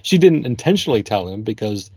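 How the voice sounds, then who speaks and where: A man's voice: on the low side, fast talker, breathy edge, no echo. A man co-hosting a music podcast, chatting casually and thinking aloud. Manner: relaxed, thinking aloud with fillers and laughs. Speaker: podcast co-host.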